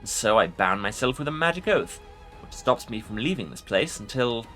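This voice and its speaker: A man performs an ancient undead lich from a fantasy game, pompous and scornful. The delivery is forceful and swings widely in pitch as he issues haughty, formal pronouncements, with music underneath. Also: very animated, moderate pace. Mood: irritated, haughty. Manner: pompous, imperious formal speech. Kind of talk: dramatic video game role-play reading.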